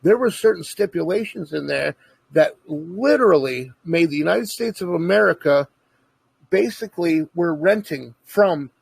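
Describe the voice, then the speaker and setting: A man's voice: on the high side, creaky, breathy edge, no echo. A man in casual conversation, earnestly explaining his views at length in a lecturing way.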